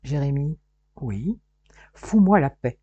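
A woman reading the part of a reserved, smitten young man who confides quietly and reluctantly. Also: extremely low pitch, animated, slow pace, slightly rough, no echo, full character voice. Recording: dull, muffled dry recording.

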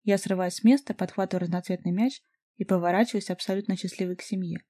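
A woman reading a first-person novel aloud as an audiobook, in an even storytelling manner. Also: fairly low pitch, quick pace. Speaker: audiobook narrator.

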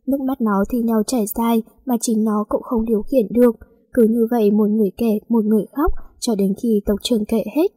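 A woman narrating a story, reading the dialogue of every character in an even, unhurried way. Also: a little high, breathy edge, no room sound, poor audio. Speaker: audiobook narrator.

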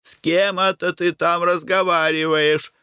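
A man's voice: fairly high pitch, level tone, unhurried, bright, forceful tone, clean tone, dry recording, clean studio sound, voice pushed up. A man voicing a sleepy, worried middle-aged wife in a storybook reading, plaintive and fearful.

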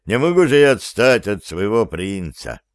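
A man's voice: on the low side, very animated, moderate pace, no room sound, clean studio sound. A man voicing an eager, easily offended male spy in an audiobook. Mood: dutiful. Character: Sapkar, eager male spy, loyal to his prince.

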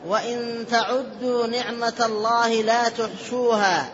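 Student reader, male, very high and monotone, formal recitation, dull lo-fi recording with faint hiss. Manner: measured formal recitation with careful vowel marking. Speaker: student reading the text aloud. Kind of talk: reading a classical text aloud in a lesson.

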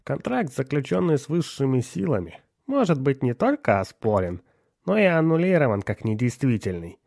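A man voicing a tall, gaunt old male accountant who makes slow, measured, solemn pronouncements in an audiobook. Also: mid-range voice, big pitch swings, creaky, a little mellow, no room sound, clean studio sound, voice pushed up. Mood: mocking. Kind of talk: audiobook character voice.

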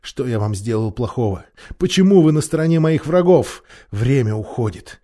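A man's voice: mid-range voice, animated, normal speed, warm tone, pitched below the performer's own voice, close to an everyday voice. A man voicing a young knight under a spell who pleads urgently to be set free.

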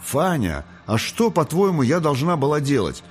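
A man reading an audiobook, voicing a gentle, timid young girl angel who pleads and frightens easily. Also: on the high side, sing-song, normal speed, faint music behind, voice pushed up. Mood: frightened.

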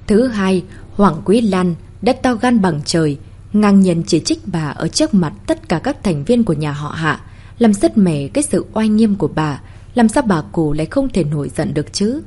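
A woman narrating a story in an expressive storytelling manner. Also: fairly low pitch, slightly rough. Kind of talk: story reading.

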